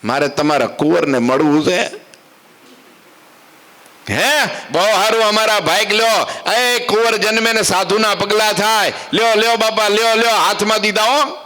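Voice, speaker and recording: A jovial, effusive king, as a preacher puts him on, pitched higher and brighter than the teller's own voice. He sounds hearty and generous. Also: a little slow.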